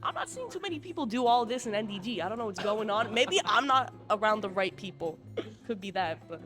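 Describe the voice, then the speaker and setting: A brash, animated man in a street interview who swears freely. Faint music runs under his voice. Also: sits high, brisk.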